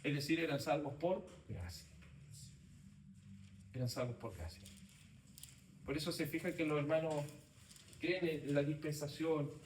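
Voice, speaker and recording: A man teaches a theology class. He speaks in short, repeated phrases and often asks whether his listeners follow. His slightly high voice is caught from a distance in a roomy space with a faint hiss behind it. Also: measured pace, pauses often. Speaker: Bible teacher. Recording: roomy echo, voice from off-mic, faint background noise.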